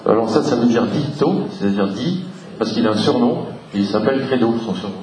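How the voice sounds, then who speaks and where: A man giving an unhurried local history talk to a live audience, explaining each point step by step and spelling out letters from the slides. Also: mid-range voice, a crowd in the background. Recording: echoey room, voice from far off the mic.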